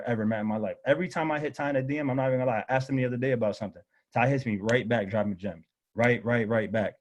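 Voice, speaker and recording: Fast-talking man heaping praise. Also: medium pitch, darkish tone. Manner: quick, heartfelt, repeats words. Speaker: guest. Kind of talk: casual praise on a livestream.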